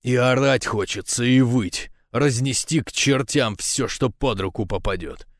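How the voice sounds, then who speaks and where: A man's voice: medium pitch, measured pace, no echo, studio quality. Man narrating a tense audiobook. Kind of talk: first-person audiobook narration.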